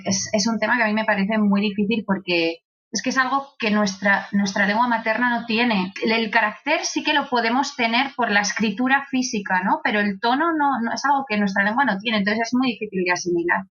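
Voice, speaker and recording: A woman's voice: mid-range voice, a bit bright. Spanish woman guest on dull lo-fi audio. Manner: reflective, explains step by step with fillers. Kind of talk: casual podcast chat.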